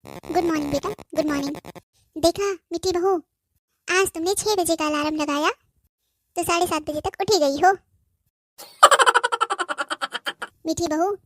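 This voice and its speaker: A woman voicing a patient, gently firm cartoon mother-in-law who coaxes softly and keeps saying "beta". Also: extremely high pitch, dry recording. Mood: gently instructing. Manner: soft, coaxing, says "beta" often. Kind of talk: cartoon voice acting.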